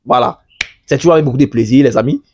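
A man's voice: mid-range voice, quick pace, darkish tone, breathy edge. A man hosting a farming channel, explaining a video to his viewers in a chatty way, speaking French as a second language. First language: not French. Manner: chatty, addresses viewers as friends. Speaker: agriculture channel host.

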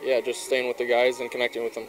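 Casting: young male athlete, monotone and quick, faint outdoor background noise. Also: medium pitch, poor audio. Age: young adult. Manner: laid-back, plain answers. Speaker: baseball pitcher. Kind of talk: postgame interview. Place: outdoors on a baseball field at dusk. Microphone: reporter's handheld mic.

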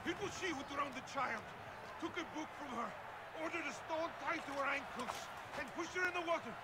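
A cornered, pleading mercenary. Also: male voice, extremely high pitch, heavy background noise. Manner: pleading, hurried. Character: desperate male mercenary brother, cornered. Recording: loud game ambience behind.

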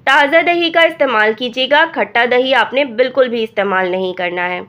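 A woman with a hoarse voice from a cold, calmly talking through a recipe step by step as a cooking channel host. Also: fairly high pitch, moderate pace. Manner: calm step-by-step instructing. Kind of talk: recipe voice-over narration. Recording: dull lo-fi voice-over.

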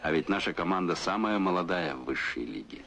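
A man narrating an old documentary newsreel in a measured, announcing manner, heard from a noisy old film soundtrack. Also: deep voice, expressive, gravelly, a bit bright.

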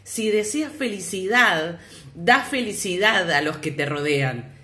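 Slow, lowish woman telling a fable. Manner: measured, expressive reading. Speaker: storyteller. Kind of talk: scripted narration of a fable. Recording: roomy echoey recording.

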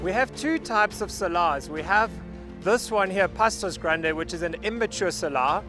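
Outdoors on a salt flat, a man in his thirties representing a mining company gives a measured, factual on-site project briefing to camera, wearing a lapel mic. His voice sits high, and background music plays.

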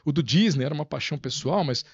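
A man's voice: fairly high pitch, fast, slightly rough, no room sound, dull audio. A man guest on a podcast, chatting casually and telling stories with lots of slang and acted-out quotes. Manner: animated storyteller, slangy, acts out quotes. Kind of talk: casual chat.

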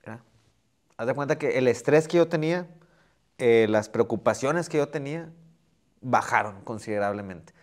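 A male host, asking questions in an earnest, measured way. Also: medium pitch, lively intonation. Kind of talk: interview talk.

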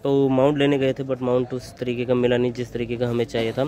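A young man in his twenties vlogging casually to a handheld camera, chatty and relaxed, dropping in English phrases. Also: mid-range voice, fast talker. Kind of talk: casual vlog talk to camera. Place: outdoors on streets and in a small shop. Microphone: handheld camera at arm's length. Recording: noisy outdoor street sound.

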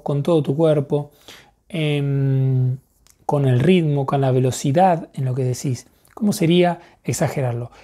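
Mellow man teaching therapists. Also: a little high. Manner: relaxed, thinks aloud, checks in with frequent "right?". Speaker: therapy and coaching instructor. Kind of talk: explanatory teaching talk.

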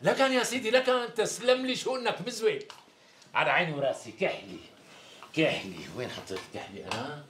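An actor with a Syrian accent playing a flattering tailor who talks around the price in flowery sales patter. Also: male voice, on the high side, fast talker, a little hiss or hum, lightly acted. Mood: coaxing. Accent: Syrian Arabic. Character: smooth-talking flattering tailor who dodges naming a price. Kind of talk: TV sketch comedy acting.

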